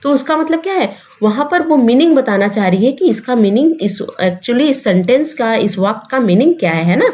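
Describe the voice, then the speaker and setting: Young female tutor, fairly high voice, explains patiently with rhetorical questions for exam-prep grammar. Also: lively intonation, normal speed, hardly any pauses, a little mellow. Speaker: teacher.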